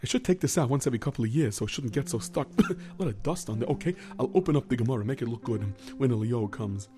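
A man playing an excitable, self-important pious man in a told story, theatrical, muttering and exclaiming. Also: medium pitch, fast, soft background music, close to an everyday voice. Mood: eager, muttering.

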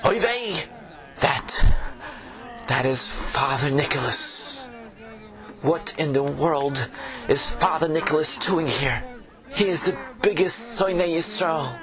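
Man playing a fretful pious tavern keeper, lively voice, crowd noise behind. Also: fairly high pitch, slow, pauses often. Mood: alarmed.

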